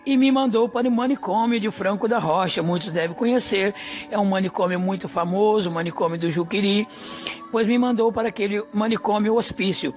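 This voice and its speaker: A man from Brazil gives a church testimony in a fairly high voice, telling his story with drama and voicing each person in it. Soft music plays faintly behind him. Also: a little fast. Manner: dramatic storytelling, acting out dialogue. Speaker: church member giving testimony.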